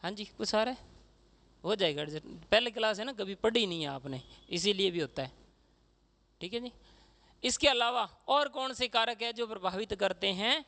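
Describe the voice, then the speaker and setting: A male teacher from Rajasthan, lecturing a class in a chatty way and filling pauses with "okay". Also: sits high, animated, sharp tone. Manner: chatty, says "theek hai" constantly, acts out regional speech.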